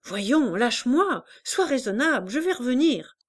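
A woman voicing a hurried young mother who scolds her child sharply, in a storybook reading. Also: high-pitched, big pitch swings, pitched above the performer's own voice, heavily acted. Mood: firm. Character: harried young mother, impatient and stern.

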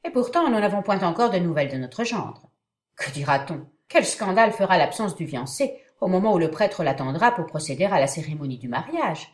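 A worried middle-aged father, played by a woman, speaks formally and full of questions. It is stage-comedy delivery with lively intonation and a clear room echo. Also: on the low side, brisk, natural voice. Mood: troubled. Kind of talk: dramatic reading of a classic stage comedy.

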